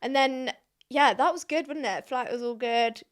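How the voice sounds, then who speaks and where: A young woman chatting as a podcast co-host, giggly and quick to poke fun at herself. Her voice sits a little higher than most women's. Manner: giggly, self-deprecating. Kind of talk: casual chat.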